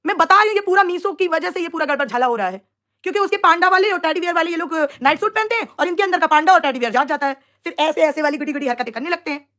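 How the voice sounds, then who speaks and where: A woman's voice: very high voice, very fast, a bit bright. A young woman chatting on a live stream, teasing and mocking rivals while talking to her viewers. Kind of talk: casual live stream chat.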